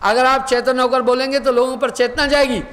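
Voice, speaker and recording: Male spiritual teacher, very high voice, storytelling sermon, long hall reverb. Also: steady tone, fairly bright tone. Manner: storytelling, acts out dialogue, slow recited verse. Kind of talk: sermon with a told parable.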